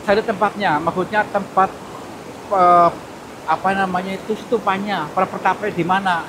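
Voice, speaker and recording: Nervous high-voiced man, noisy outdoors. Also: steady tone, normal speed. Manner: nervous, pleading, repeats words many times. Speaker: mystic vlogger. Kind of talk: hushed ghost-hunting commentary. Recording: loud rumbling background noise.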